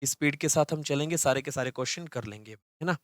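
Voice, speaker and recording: Male grammar teacher, young, quick delivery, slightly high voice, dry close sound. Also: no room sound. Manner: fast-talking, repeats questions back to students. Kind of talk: live online class lecture.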